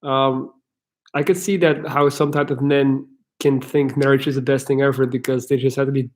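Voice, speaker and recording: With a medium-pitched, level voice at a normal speed, this Belgian man, who speaks with an American accent, hosts an informal live chat. He responds to viewer questions frankly, rambling and restarting often.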